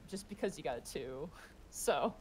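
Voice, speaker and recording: Low-voiced woman running a tabletop game. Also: lively intonation, moderate pace, a little mellow, poor audio. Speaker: game master. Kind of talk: narrating a tabletop role-playing game. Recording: background noise, room ambience.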